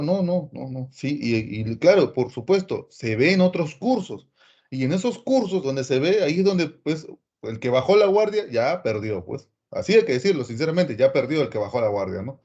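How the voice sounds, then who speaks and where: A man teaches trigonometry with lively energy and coaxes his students along by name. His voice sits a little high, and he often slips into quick imagined replies from his class. The audio is dull and lo-fi. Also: husky. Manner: addresses students by name, coaxing. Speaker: math teacher.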